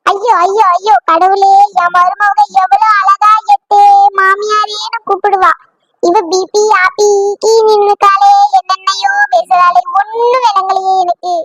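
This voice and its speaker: Excitable mother-in-law, very squeaky high pitch, scolding temper, cartoon comedy, dry sound. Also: a little slow, no room sound, soft background music, heavily acted, poor audio. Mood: wailing, dismayed. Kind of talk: exaggerated cartoon comedy voice acting.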